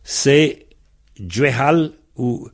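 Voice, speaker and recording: A man's voice: medium pitch, lively intonation, drawn-out words. A man giving a patient lesson on Breton pronunciation, spelling out words letter by letter and comparing dialect variants. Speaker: Breton language teacher.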